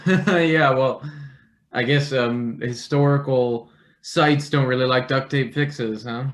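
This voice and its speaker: In a live table read of a satirical stage play, a man plays a nervous young college intern who stammers, rambles and puts himself down. His medium-pitched voice is slow and lightly acted.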